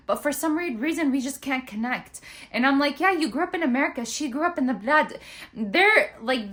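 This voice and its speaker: A woman's voice: high-pitched, pushed and bright. A young woman giving casual, chatty marriage advice, emphatic and checking in often with "okay?", mixing in Arabic words. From born in Germany, grew up in the US. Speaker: advice vlogger. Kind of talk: casual advice talk to the camera. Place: Chicago.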